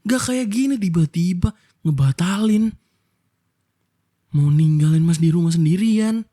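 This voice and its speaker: Reproachful man in soft whispered role-play. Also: high voice, expressive, a little slow. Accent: Indonesian. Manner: hurt, reproachful scolding. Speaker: husband in audio role-play.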